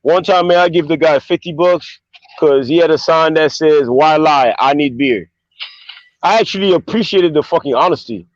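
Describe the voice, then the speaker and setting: A man's voice: on the high side, moderate pace, dry recording. A man from Haiti hosting a casual streamed chat, telling blunt, profane stories full of fillers. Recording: dull lo-fi stream audio.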